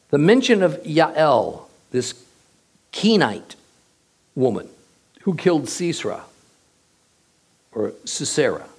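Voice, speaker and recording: A man giving a verse-by-verse Bible teaching, reading the passage aloud and then explaining it with emphatic, drawn-out phrasing. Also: fairly high pitch. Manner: expressive, emphatic delivery with drawn-out pauses.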